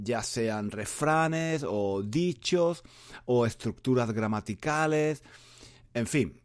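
A man's voice: fairly high pitch, darkish tone. A man from Spain with a Spanish accent hosting a casual podcast lesson, rambling and repeating phrases, with many fillers and tag questions. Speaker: podcast host and Spanish teacher.

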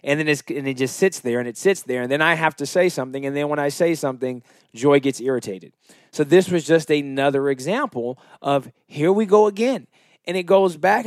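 A man's voice: fairly high pitch, a little mellow, dry recording. Earnest man with a dry sound. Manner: measured, earnest explaining. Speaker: podcast co-host. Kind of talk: casual chat.

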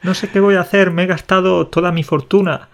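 A man from putting on a frantic, exasperated car owner who wails in a raised, strained pitch. His complaints gush out in a worried rush. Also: steady tone, brisk.

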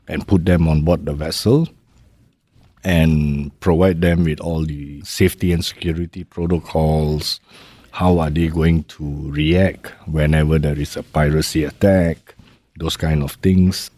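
Appearing as a guest in a conversational interview, this maritime safety executive from Malaysia has a deep, warm, slightly rough voice and a measured delivery. He leans on fillers such as "right?" and "how you say," captured in a dry recording.

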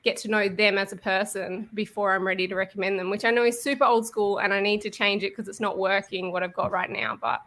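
A woman's voice: medium pitch, steady tone, fast talker, hardly any pauses, fairly bright tone. A woman, a web designer, talking casually in a panel chat, with many fillers.

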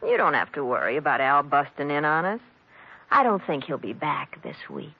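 A teasing flirtatious wife. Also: female voice, sits low, big pitch swings, moderate pace, husky, exaggerated voice. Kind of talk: 1950s radio drama acting. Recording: dull old radio broadcast.

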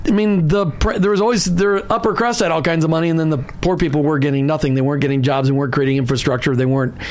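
A man hosting a casual interview, chatty and quick to joke and laugh. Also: on the high side, fairly even intonation. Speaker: host.

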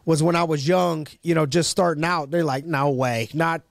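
A man's voice: on the high side, steady tone, normal speed, creaky. A man hosting a casual podcast interview, talking in hyped, rambling bursts with many restarts and slang. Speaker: podcast host.

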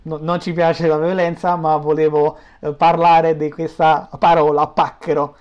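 A man's voice: fairly high pitch, little pitch movement, measured pace, darkish tone, clear, resonant tone, highs cut off. A man from Naples with a Neapolitan accent, explaining language in an informal interview, teaching through examples. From Naples, Italy.

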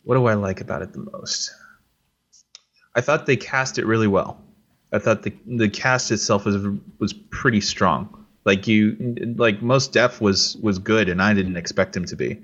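Low-voiced man, casual podcast chat. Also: normal speed, a bit bright, highs cut off. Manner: rambling, many restarts and fillers. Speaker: podcast co-host.

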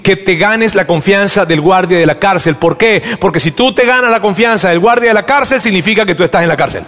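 Man, pastor giving a sermon; high voice, animated storyteller, lingering hall reverb. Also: a little fast. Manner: animated storytelling, acting out dialogue, frequent repeated words.

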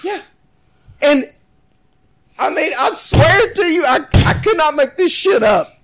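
A man with a notably high voice tells a story on a podcast, winding himself up as he goes. His pitch swings widely and he laughs and curses through the telling. He sounds casual and animated. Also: takes it slowly. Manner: animated, wound-up, swears a lot, laughs mid-sentence. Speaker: podcast host.

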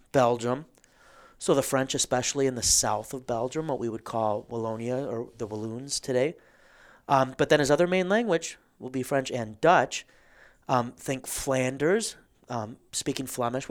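A man in a casual history chat, explaining things and tossing in joking asides. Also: medium pitch.

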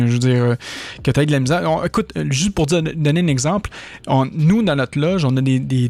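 Chatty Québécois man, slightly high voice. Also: darkish tone. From Quebec. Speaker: podcast host. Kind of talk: casual podcast chat. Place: podcast studio.

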